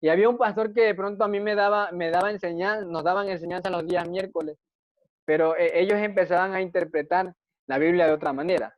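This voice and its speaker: A man with a high-pitched voice and fairly even intonation talks fast in a testimony sermon, preaching and sharing his personal story. He is earnest and repetitive, often asking rhetorical questions, and the lo-fi recording is dull and dry with no room sound.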